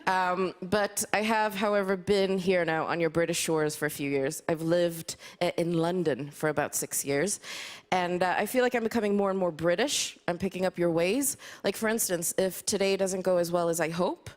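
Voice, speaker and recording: A woman's voice: fairly low pitch, normal speed. A woman from Sweden performing a stand-up comedy set on a live stage, with a dry, self-deprecating delivery full of small hesitations. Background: faint audience laughter and applause.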